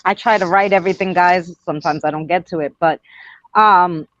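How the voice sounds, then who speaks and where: A guest from Queens, New York, who communicates with spirits, chats casually in a strong Queens accent, rambling through retold stories and quoted conversations. Her voice is fairly low and fairly bright, and she talks briskly. The audio is close, dull and lo-fi, with no echo.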